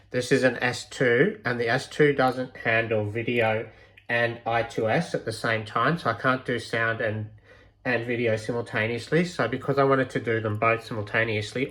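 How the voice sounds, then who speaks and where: The recording is rough, and the man's medium-pitched voice has a slight brightness. He presents his homemade electronics project off the cuff, musing hesitantly in a casual walkthrough.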